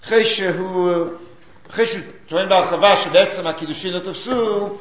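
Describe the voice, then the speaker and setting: A man's voice: high voice, roomy sound. A man giving a Talmudic study lecture, explaining sources and chanting the quoted texts.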